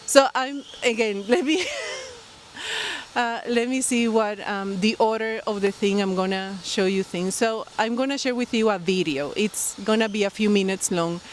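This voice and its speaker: A female knitting podcaster from Colombia, whose first language is Spanish, speaks with a Colombian accent in a mid-range voice at a moderate pace. She chats casually and rambles in a friendly way to the camera, with fillers and restarts, beside a pool near the beach. Slight background noise includes birds and people nearby.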